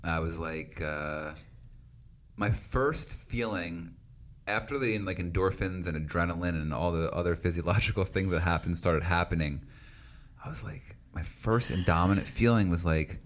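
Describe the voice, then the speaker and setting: A man telling childhood stories in a casual chat, lively and laughing often, acting out quoted voices. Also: low-pitched, moderate pace.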